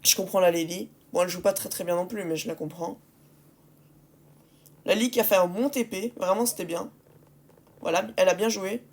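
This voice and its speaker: A gaming video creator commentates on match replays in a fairly low, darkish voice, talking briskly but leaving long pauses. Her tone is casual and exasperated with her teammates, and she repeats phrases and fires off rhetorical questions for emphasis.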